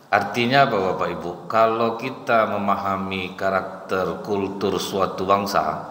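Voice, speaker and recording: Deep-voiced man preaching in an echoey hall. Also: bright, forceful tone. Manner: folksy storytelling, addressing the congregation as sir and madam. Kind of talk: sermon. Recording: echoey hall with faint ambience.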